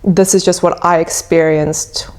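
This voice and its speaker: A woman's voice: lowish voice, steady tone, unhurried, a little mellow. A young woman from South Africa with a South African English accent, chatting to camera in a casual vlog and explaining things with fillers and restarts. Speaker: vlogger.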